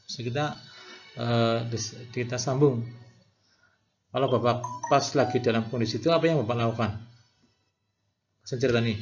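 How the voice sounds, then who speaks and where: A man's voice: medium pitch, lo-fi sound. A man teaching nursing students, explaining step by step and acting out what a nurse says to a patient, with frequent fillers and self-corrections. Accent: Indonesian. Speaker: nursing lecturer. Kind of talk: classroom lecture with role-play examples.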